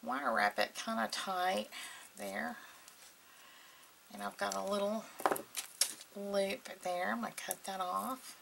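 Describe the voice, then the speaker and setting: A woman hosting a casual craft tutorial with a gravelly voice and a slightly sore throat, murmuring unhurriedly as she works. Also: mid-range voice, slow, pauses often, very noisy. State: slightly sore throat, clearing it now and then. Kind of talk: casual hands-on craft tutorial, talking while working.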